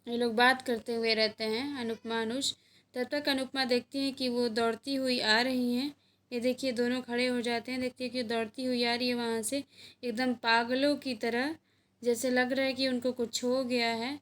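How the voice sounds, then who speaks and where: A woman's voice: fairly high pitch, little pitch movement, moderate pace. A woman casually retelling a TV serial episode in a chatty way, pointing at scenes as she goes. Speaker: TV serial recap narrator.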